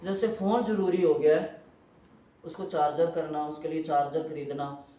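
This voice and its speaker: A man giving an animated devotional talk, telling stories full of quoted voices. His voice sits a little high and is heard from a distant mic in a roomy hall. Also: moderate pace. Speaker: devotional speaker. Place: hall at a festival gathering.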